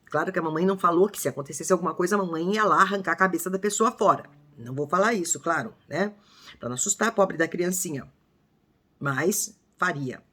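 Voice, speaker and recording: A woman's voice: on the low side, quick pace, fairly bright tone, slightly rough. An older woman from Brazil talking casually to her viewers, acting out quoted speech with emphasis. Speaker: vlogger.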